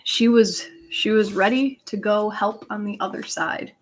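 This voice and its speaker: A woman with a mid-range voice hosts a live tarot reading on a casual livestream, chatting earnestly as she guides listeners and reads out messages. She keeps a measured pace.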